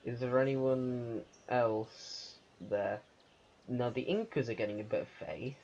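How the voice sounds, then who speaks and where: A man giving unscripted commentary on a strategy game, thinking aloud in a halting way. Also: mid-range voice, a little mellow, slight background noise. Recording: muffled lo-fi recording with music. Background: music.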